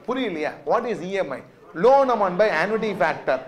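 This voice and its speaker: A man's voice: high voice, sing-song, rapid-fire. A man with a South Indian Tamil accent lecturing a class step by step, emphatic and repetitive, constantly checking with short questions. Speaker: finance teacher.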